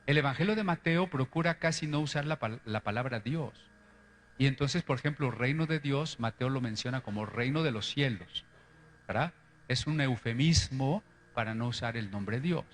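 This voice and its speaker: A man's voice: medium pitch, moderate pace, slight background noise. A man lecturing on the history of Bible translations, explaining step by step and often checking in with his listeners.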